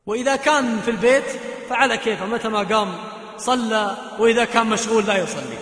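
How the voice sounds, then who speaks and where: A man preaching through a story, earnest, dropping to hushed tones at grave moments. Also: sits high, quick pace. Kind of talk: sermon storytelling. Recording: echoey hall reverb.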